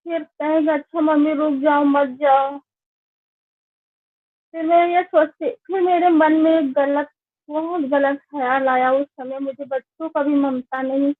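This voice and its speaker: A woman tells her own life story in a high, unhurried voice, in an earnest and plain way. The sound is tinny and phone-like, with a dry, close feel. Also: little pitch movement, no room sound. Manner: slow, earnest, plain recounting. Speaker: network marketing member giving a testimonial. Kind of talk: personal life-story testimony.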